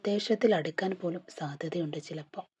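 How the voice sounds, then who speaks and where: A woman voicing a timid young mother who speaks in a fearful, subdued, husky voice. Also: on the low side, a little fast, dark tone. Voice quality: husky, breathy. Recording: dull lo-fi recording.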